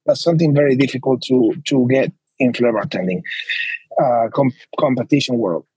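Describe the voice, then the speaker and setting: A man's voice: medium pitch, moderate pace, mellow, husky, no echo, rough recording. A man with an Argentine accent, a guest telling his story in a casual interview, earnest and rambling. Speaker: guest, flair bartender.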